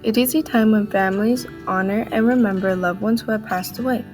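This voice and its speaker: A woman's voice: medium pitch, fairly even intonation, a little fast, a little mellow, soft background music. A teenage woman presenting a scripted explainer in an earnest tone. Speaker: student presenter. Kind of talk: read explainer.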